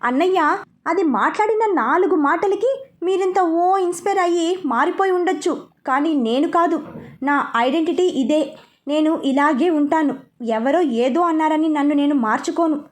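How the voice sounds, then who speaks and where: A woman's voice: sits high, moderate pace, natural voice. A woman reading as a scornful spoiled young woman. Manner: sarcastic, angry. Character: spoiled, arrogant young woman, sister of the household.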